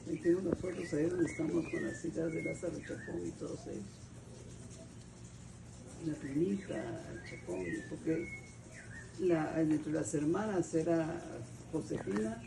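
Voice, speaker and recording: An older Guatemalan woman, speaking Spanish with a Guatemalan accent, recounts her family history in an oral history interview, her deep voice unhurried and edged with vocal fry. She rambles, restarts, and hunts for names, recorded on a distant mic that picks up noise and cooing birds.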